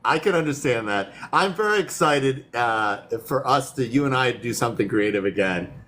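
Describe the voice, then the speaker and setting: A man's voice: medium pitch, lively intonation, moderate pace, fairly bright tone. A man hosting a livestream, chatting casually in a loose, easygoing way, with many fillers and restarts. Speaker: livestream host. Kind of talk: casual chat.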